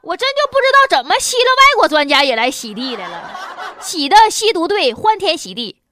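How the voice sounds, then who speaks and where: A woman's voice: very high voice, sing-song, brisk, bright, forceful tone, a little hiss or hum. A woman with a Northeastern Chinese accent giving sarcastic, colloquial comic commentary on the news as a host.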